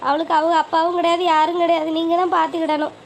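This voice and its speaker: A woman voicing a worried, tearful older village mother in an animated family drama, speaking. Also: very high voice, fast talker, vocal fry. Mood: anxious pleading. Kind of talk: cartoon voice acting. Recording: faint ambient noise.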